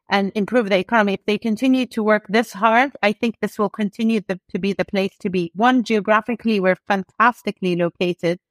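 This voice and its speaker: A middle-aged woman speaks as a podcast guest, articulate and emphatic, building her points with energy. Her voice sits at an ordinary middle pitch. The recording is dry and close, with no room sound. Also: no echo. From United Kingdom. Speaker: guest, e-commerce executive. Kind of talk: podcast interview.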